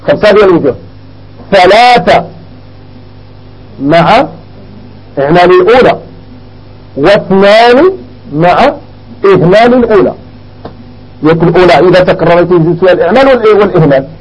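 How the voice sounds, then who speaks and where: Husky Moroccan man teaching grammar. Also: high-pitched, rough recording. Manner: explains step by step, asks the class questions and answers them. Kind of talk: Arabic grammar lesson.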